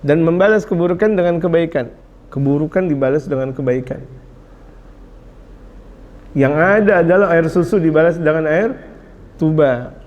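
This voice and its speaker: Lively high-voiced preacher. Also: male voice, moderate pace, pauses often, highs cut off. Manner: lively, jokes and acts out scolding parents. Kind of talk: sermon.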